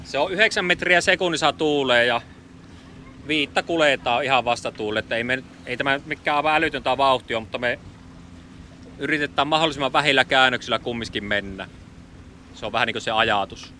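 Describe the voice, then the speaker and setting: The mid-range voice is pushed and bright. It's a middle-aged Finnish sailing vlogger narrating his trip casually, thinking aloud with lots of fillers, recorded on an action camera mounted on the boat while he sits outdoors under the cockpit canopy, wind and water audible behind.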